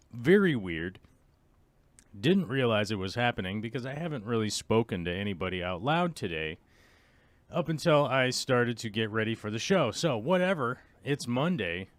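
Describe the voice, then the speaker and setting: A man with a medium-pitched voice hosts a live stream from his home office, hoarse and losing his voice. He chats casually and rambles, chuckling often, and the sound has no echo.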